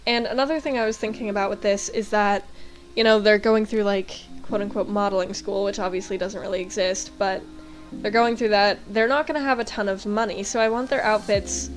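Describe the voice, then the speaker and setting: Young American woman, easygoing chatty game commentary with soft music under it. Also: medium pitch, steady tone, fairly quick. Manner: chatty, lots of fillers like um and like. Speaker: game vlogger. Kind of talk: casual voice-over commentary.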